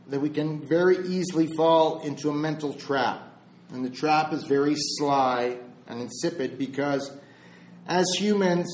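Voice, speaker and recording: Reflective spiritual speaker, a man with a slightly high voice, measured pauses, faint ambience in a roomy echo. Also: a little mellow, slight background noise. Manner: slow, deliberate, with pauses between phrases. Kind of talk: reflective spiritual talk with a parable.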